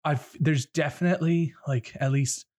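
A man's voice: fairly high pitch, steady tone, moderate pace, a little mellow. A man co-hosting a casual movie podcast, laid-back and filler-heavy with mild sarcasm. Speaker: podcast co-host. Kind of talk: casual chat.

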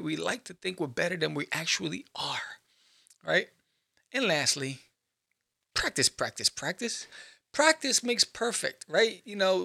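A man hosting his own show, giving casual advice to viewers in a playful, animated way and often checking in with "right?". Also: high voice, gravelly. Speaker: podcast host and comic artist. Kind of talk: casual solo talk to viewers.

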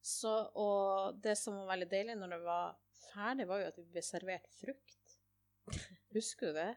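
Animated woman telling a story. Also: medium pitch, dry recording, clean studio sound. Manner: animated storytelling, switches to English when quoting herself. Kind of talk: casual chat.

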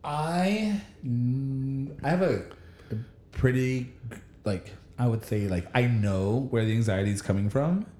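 A man's voice: mid-range voice, unhurried, mellow, reverberant. A man in casual chat, reflective and rambling, with lots of restarts. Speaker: administrator going back to school.

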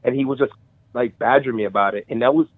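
A middle-aged man sharing memories of a friend on a call, halting with many restarts and emotional. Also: medium pitch, dry recording. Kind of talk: casual conversation. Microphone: call audio. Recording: tinny phone-like call audio.

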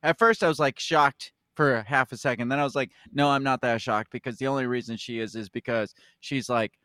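A man co-hosting a casual news podcast, animated as he chats and acts out what people said. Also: mid-range voice, fairly quick, no echo, clean studio sound. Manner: animated, acts out quoted voices. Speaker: podcast co-host.

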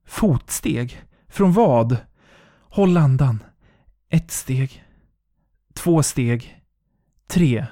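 A man's voice: medium pitch, lively intonation, pauses often, mellow, dry recording, clean studio sound. Tense man narrating horror in fragments. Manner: tense, breathless, clipped fragments. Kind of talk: first-person horror audiobook narration.

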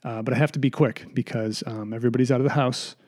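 Male podcast host, mid-pitched, winded, rambling and self-deprecating, solo home recording. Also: fairly even intonation, fast talker, a little mellow. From United States. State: out of breath. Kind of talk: casual solo podcast monologue. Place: home basement studio.

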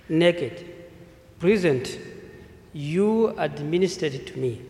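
A male priest from South Sudan giving a measured mission appeal sermon in a church, listing needs one by one. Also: fairly high pitch. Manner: slow, measured delivery with listed phrases. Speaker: visiting priest. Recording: echoey church with long reverb.

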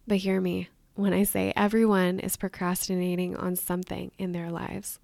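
A woman's voice: fairly low pitch, flat delivery, moderate pace, gravelly, a little mellow, no room sound. A woman hosting a motivational podcast as a weight loss coach, talking in an upbeat, encouraging way. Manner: upbeat and encouraging, with light laughs.

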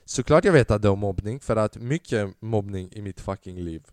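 Animated young man, comic podcast rant. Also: lowish voice, no echo, clean studio sound. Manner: animated storytelling, acts out his father and others in loud bursts, swears freely. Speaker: podcast host. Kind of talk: solo comedic podcast monologue.

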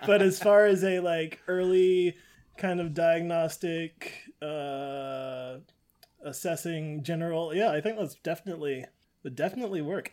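A woman's voice: sits low, a little mellow. A woman co-hosting a podcast in casual banter, with a jokey manner that tips easily into laughter. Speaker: podcast co-host.

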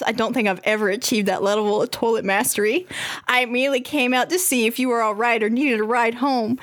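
A crude Southern man reading his own letter aloud, as a woman puts him on. He drawls in a thick put-on Southern accent and keeps cracking up. The voice is higher than his part suggests and the sound is close and dry. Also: fairly bright tone, dry recording, natural voice. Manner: drawling, laughing through the reading.

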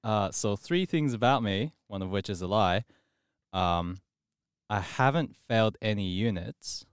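A young university student who chats with friends in a wry, self-mocking way during a party game. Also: male voice, lowish voice, expressive, unhurried, smooth, dry recording, clean studio sound. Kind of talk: casual game chat with friends.

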